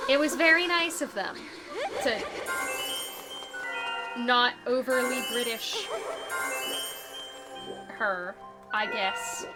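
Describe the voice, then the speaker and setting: High voiced girl streaming a game, rambly and chatty, music going loud in the background. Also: drawn-out words, long pauses. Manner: chatty, rambling, many fillers and restarts. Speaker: streamer playing a video game. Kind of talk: casual live-stream commentary.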